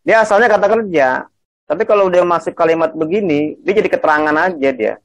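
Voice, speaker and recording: A man's voice: a little high, fast, no echo. A man teaching a class on Quranic grammar over a video call, explaining patiently and checking in with his students.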